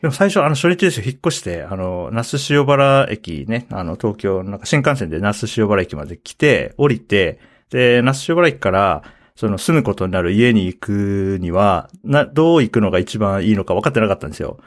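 A young man on a podcast, telling relaxed stories full of fillers. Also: fairly low pitch, brisk, hardly any pauses. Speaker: podcast host. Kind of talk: casual chat.

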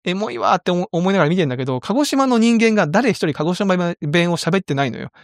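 A middle-aged man co-hosting a casual podcast, talking in an animated way with lively quoted bits. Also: high-pitched, fast talker, no room sound, clean studio sound. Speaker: podcast co-host.

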